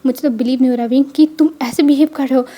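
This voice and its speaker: A woman's voice: high-pitched, steady tone, fast, mellow. A woman voicing a grown man, a husband who teases and coaxes his sulky young spouse. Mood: teasing. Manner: teasing, coaxing. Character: adult male husband, teasing and doting.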